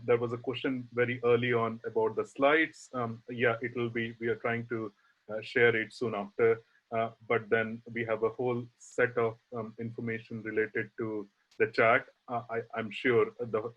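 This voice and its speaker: Guy hosting an online panel, middle voice, lo-fi call sound, lots of uh and um. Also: mid-range voice. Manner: halting, filler-heavy questions. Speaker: session chair. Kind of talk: webinar moderation. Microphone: video call. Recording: muffled video call audio.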